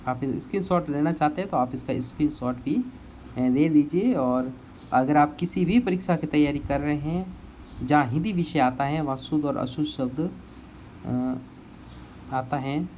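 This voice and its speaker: A man's voice: fairly high pitch, a little mellow, a little hiss or hum. A man teaching a Hindi grammar lesson for exam preparation, explaining word by word and repeating the wrong and right forms of each word. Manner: explains slowly, repeating words and correcting spellings.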